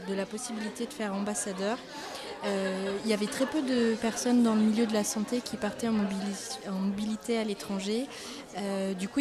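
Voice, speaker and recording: Woman, 20s, radio panel guest, hesitant, fillers, crowd noise. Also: medium pitch. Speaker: nurse, programme ambassador. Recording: crowd noise at a public event.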